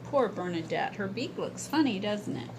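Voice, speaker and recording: An older woman, a sweet old lady reading a children's storybook aloud like a grandmother to little listeners, in a gentle, engaging way. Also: medium pitch, big pitch swings, normal speed, creaky. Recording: faint background noise.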